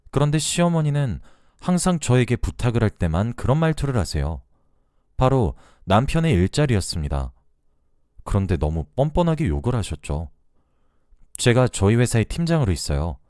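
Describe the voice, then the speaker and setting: Male narrator, low-pitched and animated, confiding first-person telling, dry sound. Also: no room sound. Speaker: story narrator.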